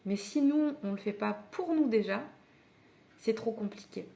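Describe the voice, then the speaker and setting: A woman's voice: a little high, animated, moderate pace, gravelly, dark tone. Woman, parenting coach, live masterclass, conversational, encouraging, hesitant restarts, addresses listeners directly. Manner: addresses the listeners directly and invites them to act. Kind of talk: live online masterclass talk.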